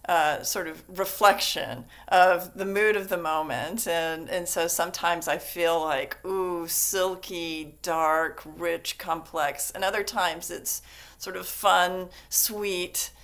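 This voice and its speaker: Woman, panel guest, lowish pitch, playful, lingering words. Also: slow pace, a bit bright.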